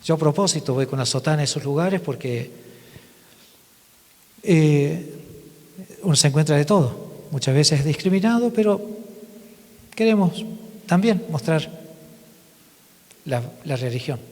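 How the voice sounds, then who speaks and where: A male priest speaks to a parish congregation with a slightly raised voice. He tells his stories haltingly, often breaking off and starting again. His voice trails into a long reverb in the church. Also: on the high side, expressive, a little mellow. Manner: halting storytelling with frequent restarts. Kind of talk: testimony talk to a parish congregation.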